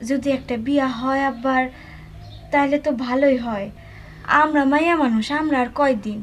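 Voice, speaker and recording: An actress playing an outspoken younger daughter in her young adult years, brisk and confident, speaking with a Bangladeshi Bengali dialect accent. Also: high voice, a little hiss or hum, close to an everyday voice. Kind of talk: TV drama acting.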